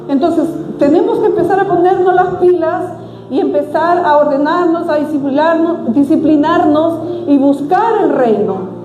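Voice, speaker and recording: A woman's voice: sits high, reverberant, muffled recording. A middle-aged woman preaching a sermon in a church, earnest and exhorting, with frequent hesitations. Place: church hall.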